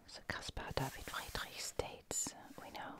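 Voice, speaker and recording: An ASMR host in a croaky, soft unvoiced whisper, musing over paintings while paging through a book and reading passages aloud. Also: unhurried.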